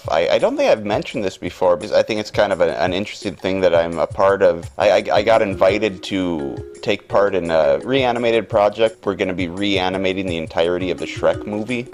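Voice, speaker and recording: A man's voice: sits low, expressive, a little fast, hardly any pauses, faint music behind. A man hosting a podcast, chatting casually and explaining things at length, often restarting his words. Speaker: podcast host. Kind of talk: casual chat.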